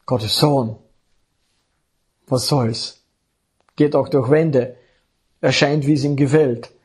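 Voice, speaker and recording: A man's voice: mid-range voice, fairly even intonation, takes it slowly, darkish tone, breathy edge. A man preaching a sermon with emphasis, often checking in with the congregation. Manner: emphatic, keeps checking in with the audience.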